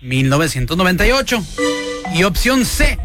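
Un copresentador de radio con acento mexicano, juguetón, que lee las preguntas del concurso. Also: male voice, sits high, big pitch swings, normal speed. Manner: playful, reads quiz questions. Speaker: radio co-host. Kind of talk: radio banter and quiz reading. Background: music.

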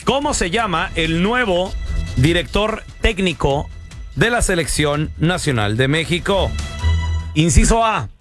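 A man with a high, animated voice hosts a radio quiz, reading the questions and options with upbeat energy. Faint music runs underneath. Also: measured pace. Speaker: radio host.

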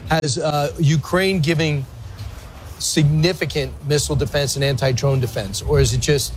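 A man's voice: on the high side, fairly even intonation, normal speed, crowd noise. A man in his fifties hosting a radio interview, asking conversational questions and often restarting his sentences. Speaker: radio host.

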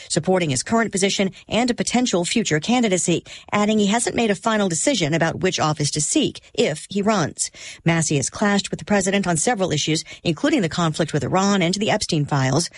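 A woman reporter delivering a radio news story in a crisp, even manner. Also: on the low side, no echo.

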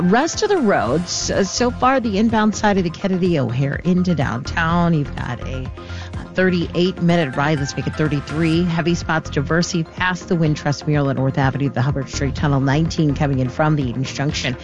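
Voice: medium pitch, lo-fi sound. Traffic reporter over a music bed. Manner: brisk rundown of roads. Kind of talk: scripted radio traffic report.

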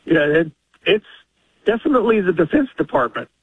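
A man's voice: high voice, sing-song, a little fast, slightly rough, no room sound. A man in his sixties calling in to a radio talk show, explaining earnestly at length. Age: 60s. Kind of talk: casual talk radio call. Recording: tinny phone line.

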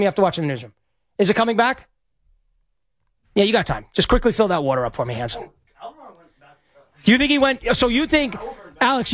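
His voice very high-pitched and slightly hoarse, a male sports radio host in the studio reacts excitably to a live game. He rambles, stammers, and repeats himself, and there's no room sound.

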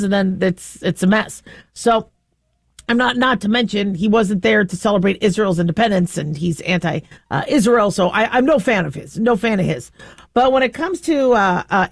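A dry, studio-grade recording captures a mid-range female voice. She's a middle-aged talk radio host from the American Southwest with an American accent, giving a chatty, rambling monologue and speaking her mind freely.

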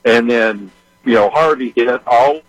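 A man's voice: medium pitch, a little slow, no room sound. A man calling in to a radio show, telling a rambling story full of restarts over a phone line that keeps cutting in and out. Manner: talks in restarts and fillers, folksy. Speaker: radio call-in caller. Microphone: phone call.

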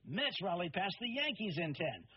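A man rattles off sports scores in a punchy newscaster delivery, his high voice swinging up and down. The sound is taped off the radio, dull and lo-fi, with a slightly husky edge. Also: big pitch swings, normal speed. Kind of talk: radio sports news roundup. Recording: lo-fi radio recording.

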